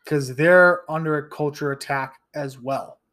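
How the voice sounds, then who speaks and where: A man's voice: fairly high pitch, unhurried, fairly bright tone. Blunt, cursing man in his thirties. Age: 30s. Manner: blunt and profane, with frequent restarts. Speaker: podcast host. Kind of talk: ranting solo podcast commentary.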